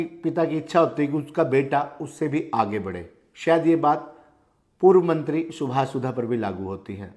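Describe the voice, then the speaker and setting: A man's voice: mid-range voice, a little mellow. A man presenting local news commentary in an emphatic, repetitive manner, stressing phrases by restating them.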